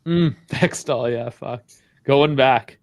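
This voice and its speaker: A man's voice: mid-range voice, takes it slowly, darkish tone. A man hosting a sports call-in show, loose and laughing, swearing casually. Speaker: host.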